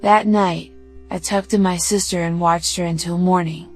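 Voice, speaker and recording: Low-voiced woman narrating a horror story. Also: fairly even intonation, normal speed, soft background music.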